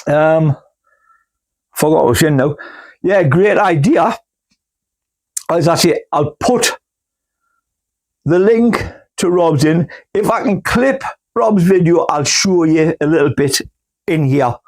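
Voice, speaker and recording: A man talks slowly and casually as he potters with his plants in a cool indoor grow room. His voice sits a bit high for a man, rambling and homely, with the odd hiccup breaking in. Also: expressive, darkish tone. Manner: rambling, homely, full of fillers. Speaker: gardening channel host. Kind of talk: casual chat while potting plants.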